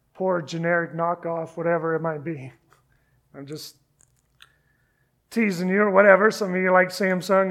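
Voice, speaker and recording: A man preaching a sermon in a very high voice, unhurried and measured. He sounds earnest, sinking to a hush on key words, then slips into casual asides with light teasing. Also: vocal fry. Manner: conversational asides with gentle teasing. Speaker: pastor.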